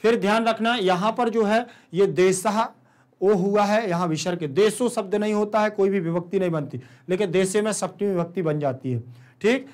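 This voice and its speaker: Speaking at normal speed in a voice that sits high, a Hindi-accented man walks through a recorded online lesson step by step. He repeats key terms, poses and answers his own questions, and keeps checking in with "ठीक."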